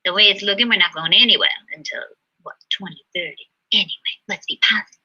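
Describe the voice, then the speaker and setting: A woman performing a solo comedy monologue, chatty, swinging between loud exclaims and hushed asides. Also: mid-range voice, fast talker, husky. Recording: dull lo-fi livestream sound.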